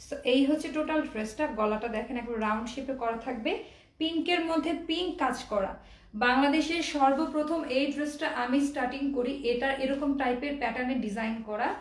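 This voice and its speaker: High-voiced woman selling dresses, echoey room. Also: fairly quick. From Bangladesh. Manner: chatty, mixes English words into Bengali. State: out of breath. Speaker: online clothing seller. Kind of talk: casual live product showcase. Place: room at home. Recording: echoey room, somewhat far from mic.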